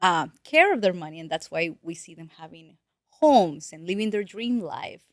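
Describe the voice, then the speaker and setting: This late-twenties native Spanish speaker from Peru, a guest financial advisor, has a voice on the low side and speaks fairly quickly. She tells her story earnestly, in an animated way with restarts, during casual interview talk. The audio is studio quality with no echo.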